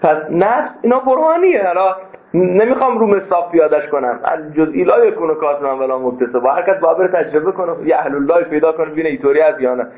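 In a tinny, phone-like recording, a male seminary lecturer leads a philosophy class, marking the important points by abruptly leaping up in pitch.

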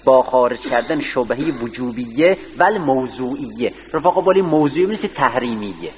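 A man's voice: mid-range voice, lively intonation. Man lecturing in a reverberant hall. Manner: explains line by line, quizzes students with questions. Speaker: seminary teacher. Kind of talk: classroom lecture on a text. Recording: distant voice with long hall reverb, faint hiss.

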